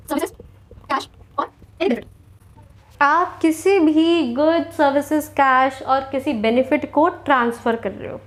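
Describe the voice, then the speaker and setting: A young woman with an Indian accent gives an accounting lesson in a high, clear voice. She poses questions to her students and then answers them. Her explanations are slow and deliberate. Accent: Indian English. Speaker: accounting teacher. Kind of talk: classroom lecture.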